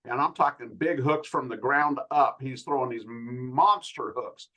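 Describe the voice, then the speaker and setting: A man hosting a casual fight podcast, talking through the matchup in a measured, laid-back way with many pauses. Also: mid-range voice, bright, forceful tone, low-quality recording. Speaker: podcast host. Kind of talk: casual MMA podcast analysis.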